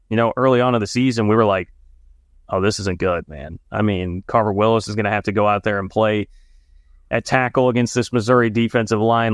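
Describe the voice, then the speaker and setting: A man's voice: lowish voice, dry recording, clean studio sound. Chatty man on a sports podcast. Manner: chatty, jokey, talks fast. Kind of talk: casual sports analysis talk.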